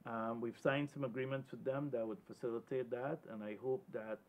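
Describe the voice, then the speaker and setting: A man from Guyana speaks on a television panel in a middle-pitched voice. He talks earnestly and with emphasis, often restarting his words. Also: steady tone, normal speed, darkish tone, rough recording. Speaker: panel guest.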